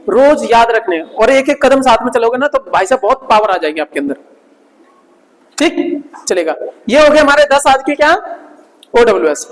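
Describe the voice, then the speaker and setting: A man leads a vocabulary lesson for job-exam students. He repeats key words slowly and keeps stopping to check that the class follows. His voice rings with a long hall reverb. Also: very high-pitched. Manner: keeps asking "ठीक है ना?" between explanations. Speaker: teacher.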